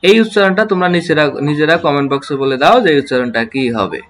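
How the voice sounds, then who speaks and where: High-voiced man spelling words out slowly. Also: animated, a bit bright, a little hiss or hum. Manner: slow, spells words letter by letter and repeats them; asks students questions and answers them himself. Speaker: English pronunciation teacher. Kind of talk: online phonics lesson.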